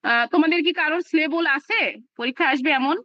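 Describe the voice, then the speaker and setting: A woman's voice: high-pitched, fast talker, no room sound, muffled recording. A woman teaching a live online class, explaining step by step with plenty of fillers. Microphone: video call.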